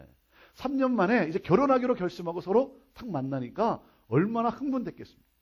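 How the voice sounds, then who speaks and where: A middle-aged man preaching a revival sermon as pastor in a church, repeating key phrases and dropping to soft asides. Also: high-pitched, husky. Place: church sanctuary.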